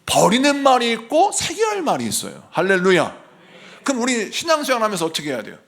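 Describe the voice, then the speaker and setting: A male senior pastor giving a Sunday morning sermon in a church, animated and acting out the voices he quotes. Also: high voice, quick pace, vocal fry. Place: church sanctuary.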